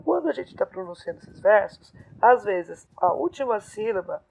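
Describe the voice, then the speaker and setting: A woman teacher explaining poetry scansion step by step, counting syllables aloud in a lesson. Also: fairly high pitch. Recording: phone-like narrow sound.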